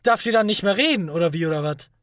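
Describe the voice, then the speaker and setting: Male podcast co-host, high voice, earnest and talkative, dry close recording. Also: lively intonation, quick pace, fairly bright tone, no room sound. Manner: earnest, argues his point at length. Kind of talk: casual podcast chat.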